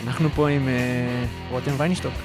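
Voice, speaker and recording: A man hosting a casual radio-studio podcast interview, eager and excitable, with rambling questions. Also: medium pitch, music in the background. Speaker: podcast host.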